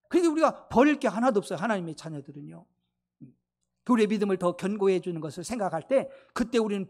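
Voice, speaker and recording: A woman pastor preaching a sermon with fervor, sprinkling in blessings and hallelujahs, her voice swinging between loud rises and soft drops. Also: creaky. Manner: fervent, with repeated blessings and hallelujahs; sweeping rises and drops in pitch and loudness.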